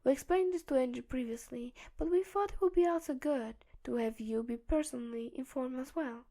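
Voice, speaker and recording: A woman's voice: high-pitched, fairly quick, dark tone. A woman voicing a kind, formal female hacker in a fan audiobook reading. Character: female hacker speaking via voice modulator, kind.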